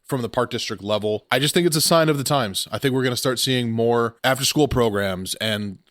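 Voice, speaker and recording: A man hosting a podcast in casual, informal chat, with an excitable manner and a scratchy throat after surgery. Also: medium pitch, a little fast, dry recording, studio quality. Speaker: podcast host.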